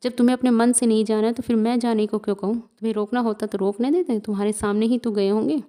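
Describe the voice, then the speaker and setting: A woman's voice: a little high, steady tone, quick pace, mellow, natural voice. A woman voicing a proud, weary middle-aged village aunt who speaks in resigned, bitter words.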